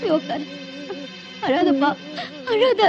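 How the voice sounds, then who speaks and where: Film drama: a sorrowful, high-voiced mother, lo-fi soundtrack. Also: lively intonation, takes it slowly, music in the background, full character voice. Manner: tearful, pleading. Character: anguished poor mother sending her son away. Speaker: birth mother.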